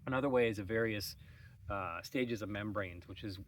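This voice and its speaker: A man's voice: fairly low pitch, normal speed, far from the mic, slight background noise. A man hosting a casual morning vlog, musing and rambling with wry asides while sitting outdoors on a shady farm terrace. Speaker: vlog host.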